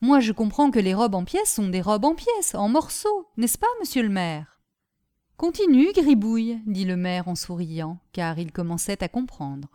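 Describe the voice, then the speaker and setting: A woman's voice: medium pitch, very animated, moderate pace, warm tone, lightly acted. A woman reading aloud, voicing Gribouille, a simple-minded, earnest young peasant boy who tells his tale eagerly. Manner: naive, eager, breathless storytelling.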